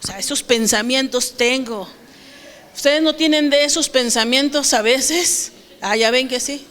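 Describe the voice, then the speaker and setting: A woman's voice: sits high, a little slow, fairly bright tone, in a large hall. A woman pastor preaching a sermon, asking the congregation questions and acting out quotes.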